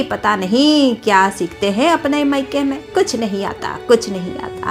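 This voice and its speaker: A woman voicing a sharp-tongued, scornful old grandmother-in-law in a cartoon story, muttering slow mockery. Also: fairly high pitch. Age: older.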